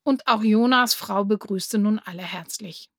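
A woman calmly narrating a children's story. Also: mid-range voice, a little slow, no room sound, studio quality. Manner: calm, clear storytelling. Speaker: reader.

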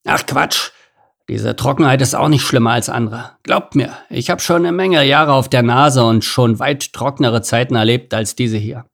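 A man voicing an old, gruff male rhino chief who brushes off worries. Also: medium pitch, moderate pace, a bit bright. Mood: dismissive. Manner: gruff, dismissive.

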